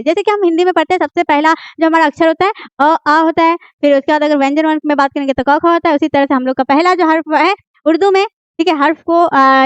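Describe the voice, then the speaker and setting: A woman's voice: high voice, no room sound. A woman teaching a beginners' language class, patiently asking questions and answering them herself, with frequent fillers and self-corrections. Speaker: Urdu teacher. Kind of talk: online language lesson.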